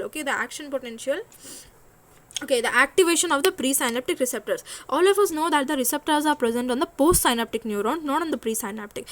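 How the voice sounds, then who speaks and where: A woman's voice: high voice, fairly bright tone. A young woman giving a physiology lecture, explaining step by step with frequent fillers and self-corrections.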